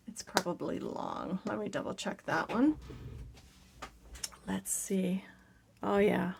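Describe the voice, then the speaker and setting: A woman with a raspy, gravelly voice talks casually while she crafts. She is soft-spoken and often slips into a near whisper. A faint hiss sits behind her voice. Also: medium pitch, animated, slow pace. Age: adult parent. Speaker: crafting video host.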